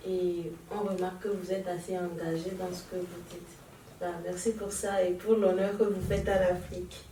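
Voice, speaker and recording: A woman with a mellow, mid-pitched voice who asks her questions politely and formally. She sounds distant from the mic in an echoey room, with a faint hiss underneath. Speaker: interviewer, filmmaker. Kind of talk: interview questions.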